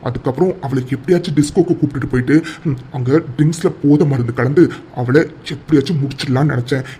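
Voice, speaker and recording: A man's voice: medium pitch, fast talker, mellow, husky. A man voicing a smug, scheming young cartoon villain. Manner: boastful scheming, turns falsely pleading. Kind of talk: cartoon serial dubbing.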